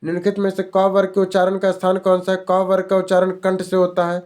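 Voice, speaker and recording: A man's voice: high voice, completely flat delivery, quick pace, a little mellow. A male teacher running an exam-prep grammar lesson, repeating each question and answer as a drill.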